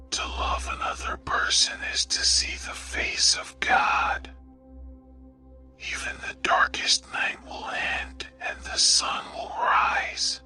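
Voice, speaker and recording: Hushed, slow ASMR whisper from a man. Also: extremely low pitch, gravelly. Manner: slow, deliberate delivery of short sayings. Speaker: narrator reading quotations.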